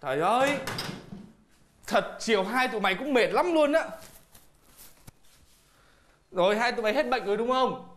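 A man's voice: very high-pitched, lively intonation, moderate pace, pauses often, fairly bright tone. An actor playing a fussy young man who wails and stammers over his friends. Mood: fussing. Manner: over-dramatic wailing and stammering. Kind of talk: sitcom acting. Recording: music playing behind.

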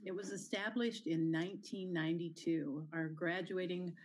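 Lady principal on a video call, lowish voice, casual with some ums. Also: fairly even intonation, moderate pace, a little mellow. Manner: informal, with fillers and restarts. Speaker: school principal hosting a town hall. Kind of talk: presenting to families over video.

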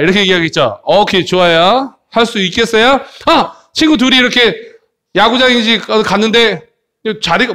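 A man who teaches English to children in a playful, joking way, mixing explanation with slow English phrases. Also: very high voice, pushed and bright. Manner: playful, jokey, switches between Korean explanation and slow English. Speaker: English tutor. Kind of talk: animated English lesson for children.

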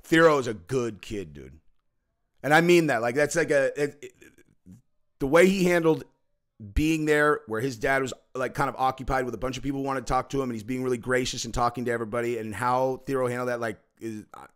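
A man, a father in his thirties, hosting a podcast and telling loose, animated stories with lots of swearing and fillers. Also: mid-range voice, fairly quick. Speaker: podcast host. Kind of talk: casual storytelling chat.

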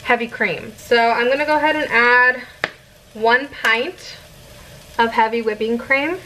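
A young woman in her twenties chats casually and giggles through a home cooking vlog in her kitchen, filmed on a camera set in the microwave. Her voice is fairly high, bright, and pushed, at a measured pace. The low-quality recording has slight background noise.

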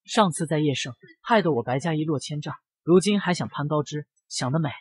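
A man's voice: a little high, animated, fairly quick, slightly rough, no room sound. A man voicing a jealous young socialite who gloats over her former friend, in a comic recap. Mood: gloating. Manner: gloating, catty.

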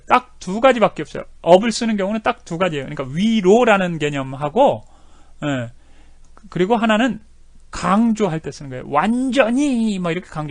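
A man teaching an English video lesson, animated, repeating words over and over to demonstrate how they sound. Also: sits high, no room sound, clean studio sound.

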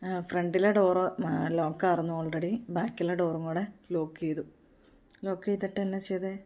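A woman's voice: fairly low pitch, fairly even intonation, normal speed, warm tone. A woman, chatting in a casual home vlog and coaxing her toddler in a sing-song way. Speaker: mother and home vlogger.

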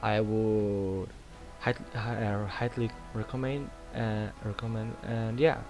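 With a low-leaning voice and fairly even intonation, this young gaming host keeps a measured pace. He has a Brazilian Portuguese accent and meanders through his strategy game commentary with many fillers and restarts as loud music and battle effects play.

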